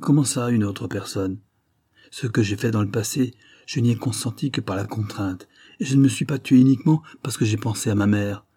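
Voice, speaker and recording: Male reader as dignified young woman, earnest and restrained, husky tone. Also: lowish voice, brisk, dark tone.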